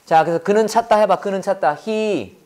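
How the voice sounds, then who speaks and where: A man's voice: sits high, moderate pace, a little mellow. A man teaching English in a classroom lecture, leading repeat-after-me drills and answering his own questions. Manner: asks questions and answers them himself, repeating phrases.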